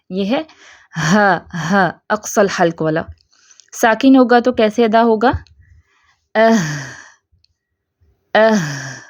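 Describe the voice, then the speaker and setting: Patient woman teaching Quran pronunciation. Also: fairly high pitch. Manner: patient, explains step by step and checks in often. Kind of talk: tajweed lesson.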